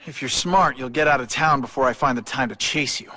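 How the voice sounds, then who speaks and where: An actor playing a wisecracking young superhero in a video game, with a casual, sarcastic manner. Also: male voice, mid-range voice, fairly quick, bright, forceful tone. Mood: annoyed, flustered. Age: young adult. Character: wisecracking young male superhero, earnest and quippy.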